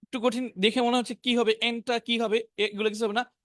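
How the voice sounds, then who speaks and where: A man with a Bengali accent teaches an online spoken English class, slowly reading out English words and example sentences and giving each meaning. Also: very high-pitched, flat delivery, fairly bright tone, no room sound, clean studio sound. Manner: reads word lists slowly, pairing each English word with its meaning.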